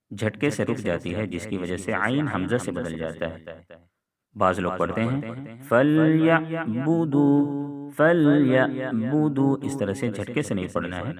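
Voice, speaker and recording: A man teaching Quran recitation rules step by step, calmly explaining each letter. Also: lowish voice. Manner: explains rules calmly, then chants verses slowly. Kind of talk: step-by-step tajweed lesson.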